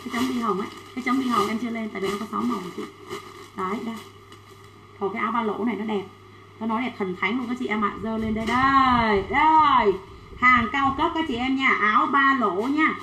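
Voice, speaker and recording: A woman selling children's clothes on a livestream, chatting quickly and reading out sizes and buyers' names. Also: fairly high pitch, bright, forceful tone, roomy sound, slight background noise, low-quality recording. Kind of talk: fast livestream sales pitch.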